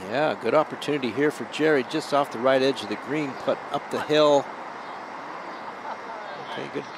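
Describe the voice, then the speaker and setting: A man's voice: mid-range voice, normal speed. Conversational male golf commentator, noisy outdoor backdrop. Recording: clear outdoor course noise behind.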